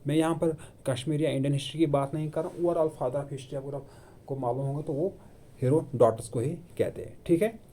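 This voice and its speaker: A man's voice: on the high side, brisk, dark tone. A man giving an exam-prep history lecture in Hindi mixed with English terms, asking questions and answering them himself. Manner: asks and answers his own questions, repeats key terms. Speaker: exam coaching teacher. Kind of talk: classroom lecture. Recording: online video lecture.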